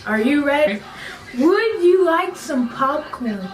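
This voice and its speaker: A woman's voice: sits high, expressive, slow, far from the mic. A woman in casual, playful chat, giggly as she says short phrases in a game. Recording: echoey room with music behind.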